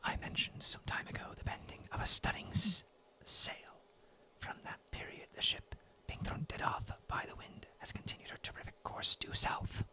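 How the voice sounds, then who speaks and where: A man's voice: normal speed, bright, forceful tone. Whispering young man reading old prose. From New England. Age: 20s. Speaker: storyteller. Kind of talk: whispered role-play.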